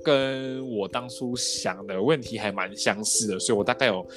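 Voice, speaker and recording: A podcast host with a Malaysian Mandarin accent runs a casual interview, chatting freely and mixing English words into his Mandarin. His voice is fairly low and moderately paced, with background music playing under the talk.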